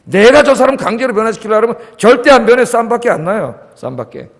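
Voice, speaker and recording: High-pitched preaching man in a reverberant hall. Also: lively intonation, fast. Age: 50s. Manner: emphatic, calls on the congregation with repeated questions. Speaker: pastor. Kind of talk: sermon. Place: church sanctuary. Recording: long church hall reverb.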